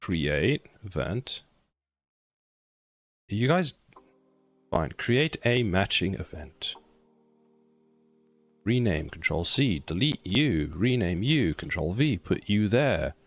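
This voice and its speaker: A man's voice: low voice, sing-song, takes it slowly, pauses often. A man streaming game development, chatting casually and playfully scolding his code as if it were alive. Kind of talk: casual live-stream chat while coding.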